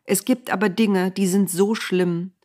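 A woman voicing God speaking from a cloud, calm, stern and unmoved, in a spoken Bible story. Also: mid-range voice, a little slow, lightly acted.

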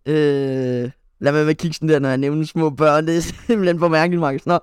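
A man's voice: fairly high pitch, flat delivery, clean tone, no echo, clean studio sound. A young man co-hosting a podcast, telling a rambling story in casual chat, full of fillers and restarts. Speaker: podcast co-host.

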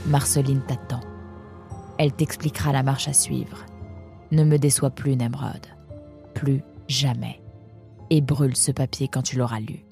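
A woman's voice: extremely low pitch, creaky, dark tone, full character voice. A woman reading out a threatening letter as a cold spymaster in a children's story.

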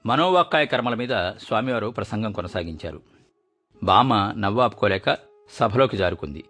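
Low-voiced man narrating a story. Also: slightly rough, faint music behind. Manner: expressive, measured storytelling. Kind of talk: storybook reading.

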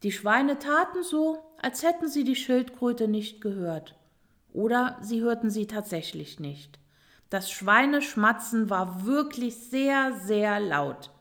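A woman reading a children's storybook aloud in a calm, expressive way. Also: a little high, takes it slowly. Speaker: narrator.

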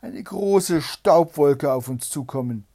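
A man's voice: a little slow, gravelly, a little mellow, full character voice. A man reading a fairy tale aloud and voicing a young sister who calls down her reports in a raised voice. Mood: calling. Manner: high, calling out reports. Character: young sister keeping watch from a tower.

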